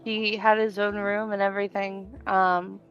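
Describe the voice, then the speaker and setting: A woman's voice: mid-range voice, flat delivery, moderate pace, clear, resonant tone, highs cut off, faint music behind. A woman narrating a tabletop role-playing game as game master, rambling with many fillers.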